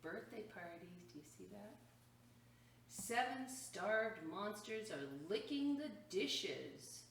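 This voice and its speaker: Recorded from afar in an echoey room with faint noise, a library storytime reader works through a picture book at an unhurried pace. Her mid-range voice is animated and full of exclamations, and she stops to show the children the pictures and talk to them.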